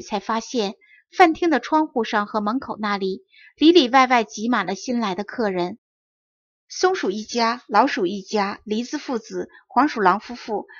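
A woman reading a fairy tale aloud as an audiobook narrator, clear and expressive. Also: fairly high pitch, dry recording. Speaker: audiobook reader. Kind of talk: storybook narration. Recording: dry dull close recording.

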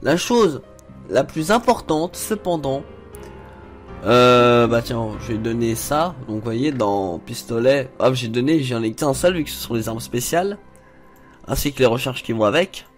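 A man's voice: medium pitch, expressive, unhurried, soft background music. A young man casually commenting on a retro PC strategy game as he plays, explaining menus as he goes. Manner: chatty, explains menus as he clicks, frequent fillers. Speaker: gaming video host. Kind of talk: casual let's play commentary.

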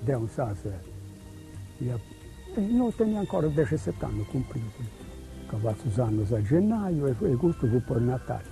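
An older man with a Sardinian accent recalls his youth in a rambling, halting way. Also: mid-range voice, sing-song, creaky, mellow, faint music behind, low-quality recording.

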